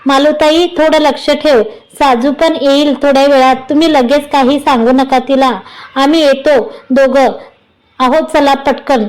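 A woman voicing a calm, caring young wife who reassures the others. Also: sits high, measured pace, rough recording. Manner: soothing, reassuring.

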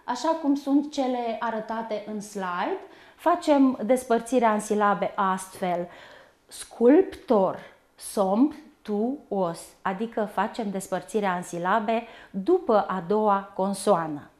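A woman with a medium-pitched voice teaches a primary school lesson. She speaks slowly and carefully, spelling words out syllable by syllable.

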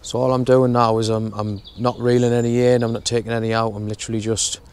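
A young man explaining his fishing setup in a relaxed, step-by-step way while outdoors at a lake. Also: mid-range voice, fast talker, clear, resonant tone. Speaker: fishing vlogger. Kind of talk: casual how-to narration. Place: outdoors at a lakeside bank.

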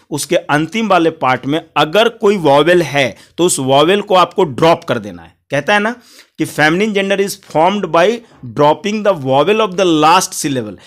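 Higher-voiced male Hindi English tutor. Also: fairly bright tone. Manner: explains slowly, spells words letter by letter; addresses viewers as friends, repeats each point. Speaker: English teacher. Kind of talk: Hindi grammar lesson.

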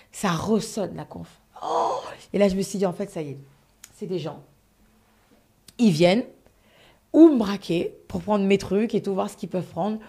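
A woman's voice: medium pitch, dark tone, husky. A woman telling a story on a live stream in a casual, dramatic way, swearing freely and speaking straight to her audience.

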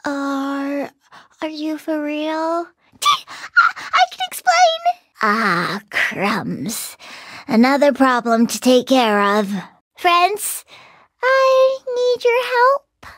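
High-pitched, carefree little cookie conductor girl. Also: wildly swooping pitch, very slow, a bit bright, heavily acted. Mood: flustered. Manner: cutesy, breezy, giggly. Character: playful, carefree young female cookie train conductor. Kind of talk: video game cutscene voice acting.

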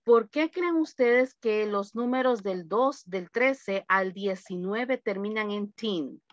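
A woman teaching an English class over a video call, slowly and patiently drilling lists of numbers. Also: medium pitch, no echo. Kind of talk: online class lesson. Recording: dull, lo-fi video call audio.

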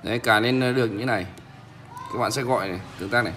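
A man casually demonstrating a phone app as a vlog host, speaking haltingly with many pauses. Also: mid-range voice, background noise. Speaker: tech vlogger, host.

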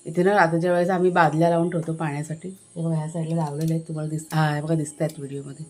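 A woman's voice: sits low, level tone, very fast, mellow. A woman with a Konkan Marathi accent, chatting casually as she shows viewers around her village home and garden. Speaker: family vlogger. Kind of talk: casual village vlog narration.

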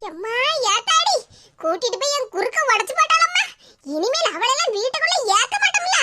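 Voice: very high voice, very animated, brisk. A performer voicing a quarrelsome older village mother-in-law with a Tirunelveli Tamil accent, wailing and scolding in a cartoon. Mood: complaining. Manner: wailing, scolding, dramatic complaints. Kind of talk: cartoon voice acting. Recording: loud background hiss.

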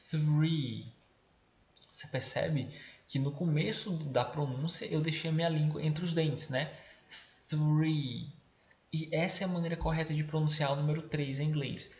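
A patient man teaches English to students at home, stopping to check in and slowing down to model each word. His voice sits fairly high. The recording is echoey and dull, with faint noise underneath. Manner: patient, checks in with short tag questions, slows to model words. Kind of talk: remote classroom lesson.

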